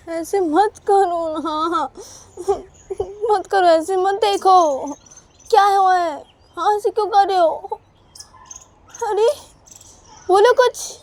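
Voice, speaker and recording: A woman voicing a sulky, whiny young woman lover who pleads in a high, tearful voice, as an amateur storyteller doing all the voices. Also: drawn-out words, pauses often, darkish tone, full character voice. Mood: whiny pleading.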